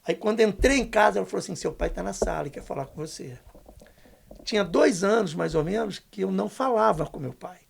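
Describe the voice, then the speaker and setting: An older man, a podcast guest telling a testimony story, emphatic and slangy, going hushed when quoting others. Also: high voice, expressive, brisk, creaky, slightly rough. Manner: emphatic, slangy, dips to a hushed voice for quoted lines.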